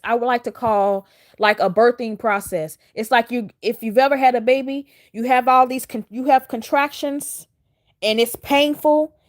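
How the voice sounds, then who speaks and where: Casting note: woman, spiritual coach, casual monologue, earnest and rambling, fairly high voice. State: close to tears. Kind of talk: casual heartfelt monologue to camera.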